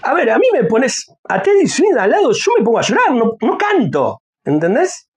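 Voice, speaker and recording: This music reaction YouTuber is a man with an Argentine Spanish accent, chatting casually about a music video and addressing his viewers directly, humming and singing bits along the way. His voice is extremely high and swoops wildly in pitch, with a breathy edge and a moderate pace. Faint music plays in the background.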